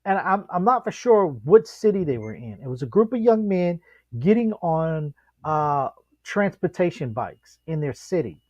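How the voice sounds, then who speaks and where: Animated man telling stories. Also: normal speed, no echo, highs cut off. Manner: animated storyteller, acts out quotes with big pitch jumps. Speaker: podcast co-host. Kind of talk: casual chat.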